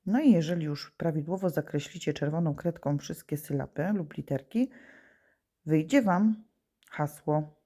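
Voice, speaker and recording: A woman's voice: low-pitched, normal speed, warm tone. A female teacher giving a lesson to young pupils, patiently asking questions and answering them herself. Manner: patient, asks and answers her own questions. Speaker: primary school teacher. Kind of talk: remote lesson for children.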